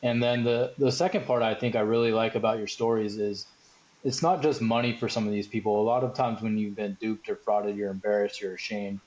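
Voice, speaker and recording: Male podcast host, lower voice, affirming interviewer, muffled lo-fi audio. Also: steady tone, a little fast, a little mellow. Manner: affirming, thoughtful, lightly hesitant. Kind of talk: interview questions. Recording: dull lo-fi sound.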